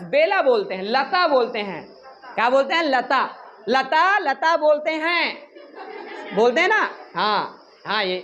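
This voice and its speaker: A man with an extremely high voice gives a lively classroom lecture, animated and joking, quizzing and teasing his students and snapping at the chatty ones. The audio is dull, with faint noise beneath his voice.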